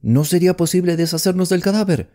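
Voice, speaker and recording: A man's voice: fairly low pitch, big pitch swings, unhurried, mellow. A man reading an audiobook voices a nervous young English politician who speaks anxiously and pleads for help. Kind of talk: audiobook character voice.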